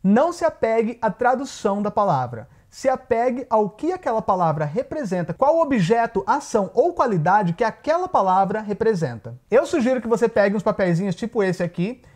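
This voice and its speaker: A man's voice: sits high, big pitch swings, a little fast, few pauses, darkish tone. Man teaching English by asking himself questions. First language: Portuguese. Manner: explains step by step, asking and answering his own questions. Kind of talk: casual video lesson.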